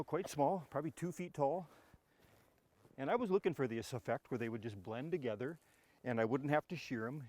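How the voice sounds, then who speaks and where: A man's voice: medium pitch, darkish tone, dry recording. A man hosting a gardening video outdoors, talking casually and with enthusiasm while trudging through snow, a bit out of breath. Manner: casual, enthusiastic, plain-spoken. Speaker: gardening channel host. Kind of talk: walking garden tour talk. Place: snowy yard outdoors.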